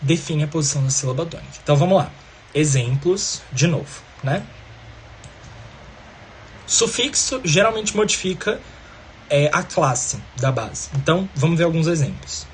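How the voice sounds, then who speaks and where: A man's voice: fairly high pitch, expressive, normal speed, a little hiss or hum. A man teaching a grammar lesson, explaining step by step and often checking in with the listener.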